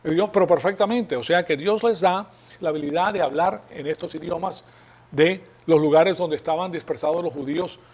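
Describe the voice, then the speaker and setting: Male preacher, fairly high voice, patient explanatory sermon delivery. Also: a little fast, a little mellow. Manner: explanatory, rhetorical questions to congregation. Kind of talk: Bible teaching sermon.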